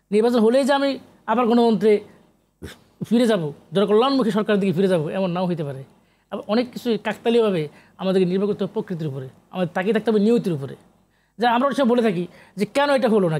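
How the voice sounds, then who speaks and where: His voice sits high with a darkish tone. He's a middle-aged Bangladeshi-accented sociologist and literary researcher on a talk show, explaining emphatically and at length while repeating phrases and mixing in English terms.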